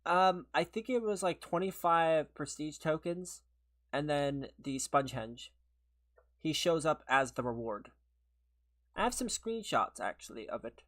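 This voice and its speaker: This streamer sounds a bit stuffed up and under the weather as he chats casually over gameplay, laughing and wandering off topic while answering his audience. His pitch is a little high, his intonation lively, and his tone slightly bright, with a somewhat slow pace.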